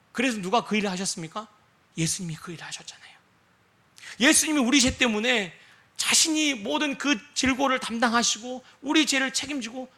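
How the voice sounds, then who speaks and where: A male pastor preaching with a high, bright, ringing voice. He keeps asking his congregation rhetorical questions and checks in with them as he goes. He slips into quoted voices to act out little scenes. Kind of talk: sermon.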